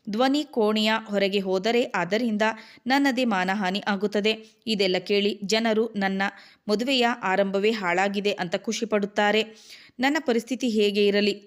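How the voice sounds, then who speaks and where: A woman narrating a dramatic first-person story in a measured storytelling manner. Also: medium pitch.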